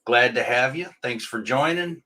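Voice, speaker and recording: A man's voice: medium pitch, normal speed, bright, forceful tone. A man co-hosting a live podcast, cheerfully greeting viewers and joking with his partner. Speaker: podcast co-host.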